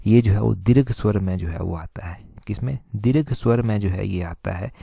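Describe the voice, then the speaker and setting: Low, mellow-voiced man teaching an exam class. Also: normal speed, creaky, slightly rough, dry recording. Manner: explains step by step, repeats answers, heavy use of filler "jo hai vo". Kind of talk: recorded exam-prep lesson.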